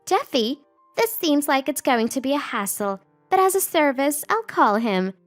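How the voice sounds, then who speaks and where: A woman's voice: high-pitched, very animated, moderate pace, faint music behind, pitched above the performer's own voice. A woman voicing an arrogant young female bank clerk who mocks and laughs crudely, in a story narration. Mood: smug mocking. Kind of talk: storytelling narration with acted quotes.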